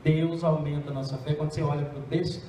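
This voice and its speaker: A man's voice: on the high side, flat delivery, fast, dark tone, a little hiss or hum. A Brazilian man preaching a sermon as pastor, emphatic, putting rhetorical questions to the congregation. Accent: Brazilian Portuguese. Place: church sanctuary. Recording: echoey church hall, distant mic.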